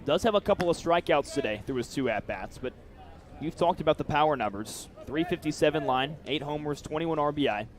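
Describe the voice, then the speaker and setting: Animated and brisk, a young American man with a fairly high voice gives live radio commentary on a baseball game. He's broadcasting from an outdoor stadium, with the crowd and ballpark ambience in the background.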